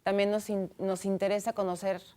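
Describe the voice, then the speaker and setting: A woman's voice: medium pitch, little pitch movement, moderate pace, dark tone. A woman hosting a cultural radio talk show, chatting with a co-host and reading out listener calls and votes on a studio microphone.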